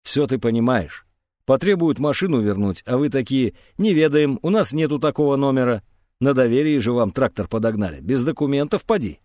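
A man's voice: medium pitch, animated, a little fast, darkish tone, no echo, clean studio sound, natural voice. A man reading an audiobook, voicing a stubborn, hot-tempered teenage boy who talks in a heated, defiant way. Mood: reproachful.

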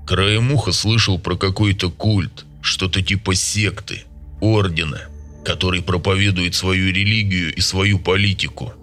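A man voicing a gruff older village man who talks plainly and scoffs at rumors. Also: deep voice, fairly even intonation, unhurried, fairly bright tone. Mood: wary.

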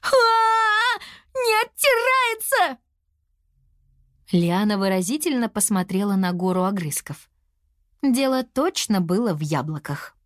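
A woman narrating a children's story in a lively, expressive way. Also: mid-range voice, dry recording, studio quality.

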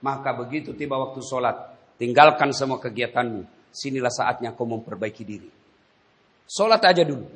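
A man preaching a dramatic, joking sermon at a prison gathering, with bursts of loud exhortation. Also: medium pitch, animated, normal speed. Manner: emphatic, jokey and dramatic, rising to loud exhortation. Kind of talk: religious sermon.

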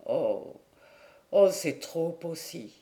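A woman reading an audiobook, voicing a grief-stricken young husband in a low, broken, tearful voice. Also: slow pace, a little mellow. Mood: grieving.

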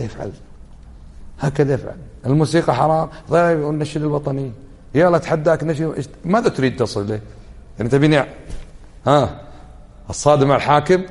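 A man's voice: fairly high pitch, creaky, a little mellow. A male Islamic scholar giving a religious lesson, arguing with rhetorical questions. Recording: long hall reverb.

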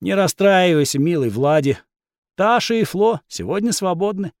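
A man reading the lines of a smooth, flirtatious middle-aged brothel madam, polite but firm. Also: high-pitched, animated, moderate pace, no room sound, clean studio sound, pitched above the performer's own voice. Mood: coaxing. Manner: coaxing, polite, firm when needed.

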